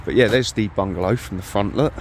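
British male vlogger, low voice, easy upbeat narration, outdoor handheld sound. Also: quick pace, a little hiss or hum. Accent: British English. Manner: chatty, upbeat, points things out. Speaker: vlogger exploring abandoned places. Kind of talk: casual walkthrough narration. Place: outdoors on an overgrown abandoned site.

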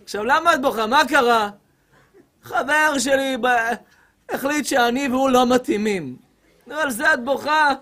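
A man giving a humorous sermon as a rabbi, telling stories animatedly and acting out other people's voices. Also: extremely high pitch. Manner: animated comic storytelling, acts out women's voices.

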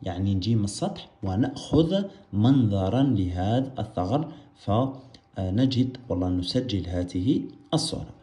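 A lower-pitched man with an Algerian Arabic accent explains a science lesson. His voice is warm and mellow and rises and falls a lot as he poses a question, then answers it and repeats each term. The sound is roomy and echoey. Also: lively intonation, normal speed. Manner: asks questions and answers them himself, repeats key terms. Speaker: biology teacher.

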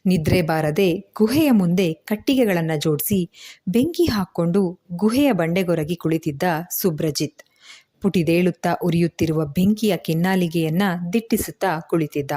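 Low, mellow woman storyteller. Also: normal speed. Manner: steady literary storytelling. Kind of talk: scripted audiobook narration.

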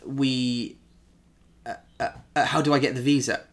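A man co-hosting a casual language-learning chat, talking quickly with lots of fillers and restarts. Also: mid-range voice, steady tone. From United Kingdom. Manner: fast talker with many restarts and fillers. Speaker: podcast co-host.

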